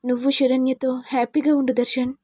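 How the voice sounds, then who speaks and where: A woman's voice: high-pitched, level tone, a little fast, warm tone, no echo, voice pushed up. A woman voicing a scheming, manipulative young woman who pleads and pities herself.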